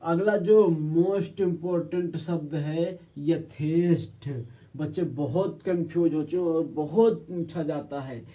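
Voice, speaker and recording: A man with a fairly high but very dark, mellow voice leads a spelling lesson for exam prep. He drags out each corrected word slowly and then explains it in a plain teaching manner. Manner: slow, drawn-out word by word correction.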